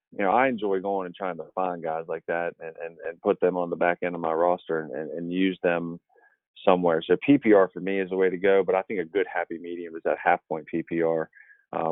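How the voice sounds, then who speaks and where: A man with a very low voice rambles through casual podcast talk, full of fillers and restarts. His voice comes over a tinny, phone-like line in a dry space. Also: dry recording. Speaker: fantasy football podcast analyst.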